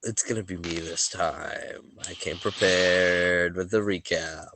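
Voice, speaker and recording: A deep-voiced game master running a tabletop game chats loosely, then reads a recap of the story so far. He's sniffly from allergies and a bit worn, yet his tone is bright and forceful, with fairly even intonation and a slow pace. Laid-back and joking, he stumbles and restarts, and there's a slight hiss or hum.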